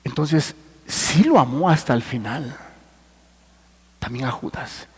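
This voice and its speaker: A man preaching a sermon as pastor, swinging between hushed and forceful delivery and addressing listeners directly. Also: mid-range voice, slow, breathy edge, in a large hall. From Mexico. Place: church.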